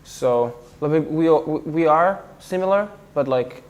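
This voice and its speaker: A young man from Serbia with a Serbian accent, talking in an interview, pausing often with fillers and restarts. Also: fairly high pitch, a little mellow. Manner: hesitant, many fillers and restarts. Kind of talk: casual interview talk.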